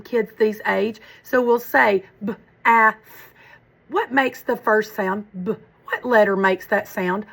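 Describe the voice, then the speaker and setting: A woman who teaches first grade, explaining to parents how she teaches spelling, sounding words out slowly and methodically. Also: medium pitch, gravelly, a bit bright, low-quality recording. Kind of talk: explaining phonics lesson to parents.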